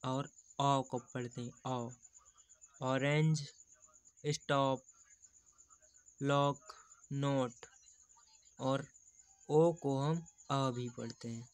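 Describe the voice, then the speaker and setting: A man's voice: mid-range voice, steady tone, very slow, long pauses, clean tone, dry recording. A man teaching English pronunciation, explaining patiently and repeating example words.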